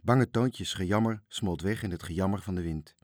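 Man reading a kids' storybook out loud, lowish voice, expressive, dry close sound. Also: dry recording. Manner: expressive, slowing at sad moments. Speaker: narrator.

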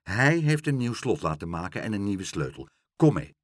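A man's voice: on the low side, sing-song, moderate pace, dry recording, clean studio sound. A man voicing a kindly, earnest bookseller. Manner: earnest, indignant. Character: kindly indignant older male bookseller.

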